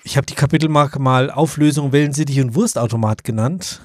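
A man's voice: mid-range voice, a little fast, darkish tone, dry recording. A German man co-hosting a podcast, chatting and teasing his co-host. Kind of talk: casual chat.

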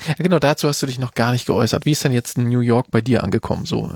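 A man's voice: medium pitch, fast talker, gravelly, a little mellow, slightly rough, no echo, clean studio sound. A man hosting a casual film-review chat, hesitant with many fillers, steering the round. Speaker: podcast host leading the round.

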